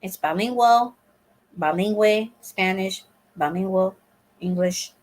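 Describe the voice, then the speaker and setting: Hosting her crochet channel's live stream, an older woman from Puerto Rico talks casually and wanders from point to point, full of fillers and restarts. Her mid-range voice is darkish and slow, and the recording is rough.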